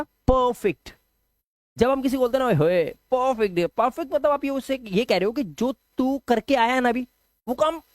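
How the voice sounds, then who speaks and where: A man with a Hindi accent teaching an English grammar lesson, lively and joking, firing rhetorical questions at his students. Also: high voice, dry recording.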